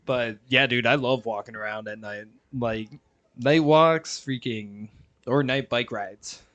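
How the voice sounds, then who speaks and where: A man's voice: medium pitch, measured pace, a bit bright, muffled recording. Laid-back man, casual podcast chat. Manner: laid-back, laughs often, swears freely. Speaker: podcast co-host.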